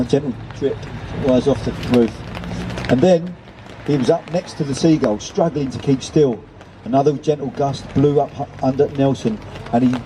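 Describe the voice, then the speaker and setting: A man reading a children's story aloud at a charity event, unhurried, with small slips he corrects. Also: medium pitch, warm tone, slight background noise, poor audio.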